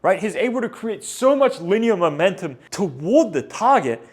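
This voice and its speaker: A man explaining pitching training drills in an instructional voice-over, often checking in with "right?" and "okay?". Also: big pitch swings, moderate pace, breathy edge. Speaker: pitching coach and channel host.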